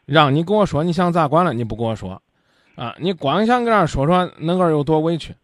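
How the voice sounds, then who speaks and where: Blunt fast-talking radio host. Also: male voice, on the high side, expressive, no echo, clean studio sound. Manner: blunt, pressing, straight-talking. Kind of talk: call-in radio advice show.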